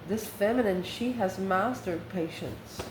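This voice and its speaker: An online host, a woman, gives a casual, improvised tarot reading, musing aloud as she works through the cards. Her voice is mid-range and unhurried. The recording has a roomy echo and faint background noise.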